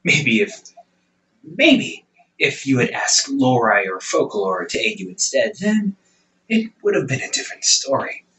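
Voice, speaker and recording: In an audio roleplay, a man performs an ancient demon older brother, smug and casually menacing, in a conversational monologue. His bright, sharp voice swings widely in pitch with a sing-song, drawling, sarcastic delivery and chuckles, condescending yet reassuring, at a measured pace. He sits slightly distant from the mic, with slight background noise.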